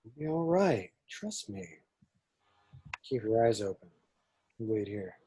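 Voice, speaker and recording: A man playing a cocky, evasive starship pirate with a husky voice and offhand, clipped lines in a script read. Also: mid-range voice, big pitch swings, unhurried, dark tone, heavily acted. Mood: reassuring, wary. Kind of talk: dramatic table read of a film script.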